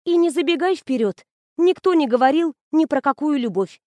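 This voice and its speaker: A woman's voice: high-pitched, normal speed, no room sound, clean studio sound, voice pushed up. A woman reading the lines of a shy, smitten young woman student in an audiobook. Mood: flustered. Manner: bashful, flustered, excited.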